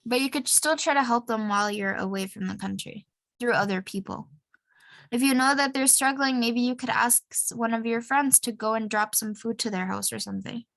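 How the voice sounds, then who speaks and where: A woman's voice: on the high side, a little fast, gravelly, fairly bright tone, dry recording, low-quality recording. A young woman teaching an online class over a video call, patiently having students repeat phrases after her.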